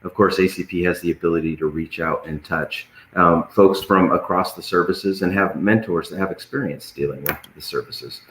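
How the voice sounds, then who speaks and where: A man hosting a casual live panel, joking and somewhat halting as he goes, in a roomy, echoing recording. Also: low voice, a bit bright. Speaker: host.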